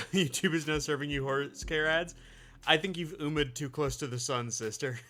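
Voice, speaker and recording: Live streamer, casual chat, rambling, filler-heavy, mid pitch. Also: normal speed, fairly bright tone, soft background music. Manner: rambling, with many fillers and restarts.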